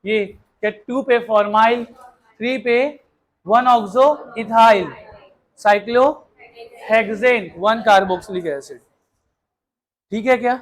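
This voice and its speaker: Brisk, coaxing male chemistry teacher. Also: sits high. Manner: brisk, coaxing, quizzes the class and urges them to hurry; mixes Hindi with English terms. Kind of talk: classroom lecture.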